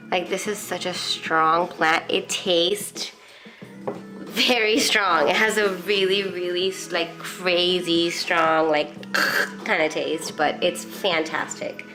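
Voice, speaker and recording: A woman with a head cold, her voice nasal and congested, chatting in a rambling, casual way through a how-to, with soft music behind her. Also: mid-range voice. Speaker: herbalist vlogger.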